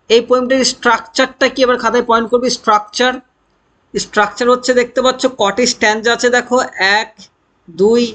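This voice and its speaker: Brief man with a very high voice lecturing as a teacher, dictating slowly and then explaining fast. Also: a bit bright. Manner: asks questions and answers them himself; dictates English notes slowly and spells words out letter by letter. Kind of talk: classroom lecture.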